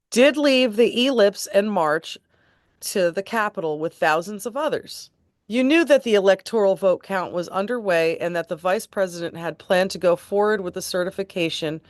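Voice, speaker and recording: A woman reading court transcript passages aloud in a steady, deliberate way and adding her own remarks. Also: medium pitch, dry recording, studio quality. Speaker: tribute band host reading court transcripts.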